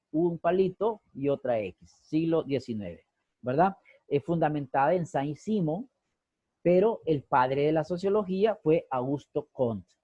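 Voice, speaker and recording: A man's voice: fairly high pitch, husky, no echo, lo-fi sound. A man teaching a sociology class over a video call, asking rhetorical questions and repeating key phrases. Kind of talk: online class lecture.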